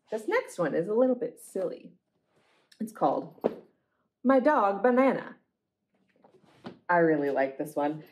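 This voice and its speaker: Picture books are read aloud by a woman with a mid-range voice for a children's storytime. She takes her time and gives the words expressive shape.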